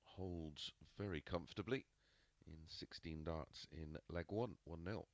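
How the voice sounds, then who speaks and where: Deep, gravelly male darts commentator. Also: measured pace, dry recording. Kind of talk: low-key match commentary with stats.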